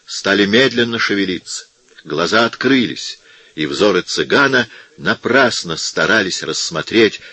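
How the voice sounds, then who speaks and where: Low husky male audiobook narrator. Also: a bit bright, dry recording.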